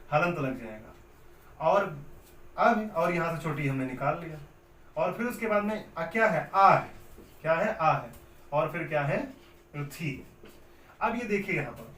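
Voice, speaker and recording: A man's voice: a little high, fairly bright tone, a little hiss or hum. A man teaching Hindi grammar in a classroom lecture. He asks questions and answers them himself, repeating each step. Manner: repetitive, explains step by step. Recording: echoey room, mic at a distance.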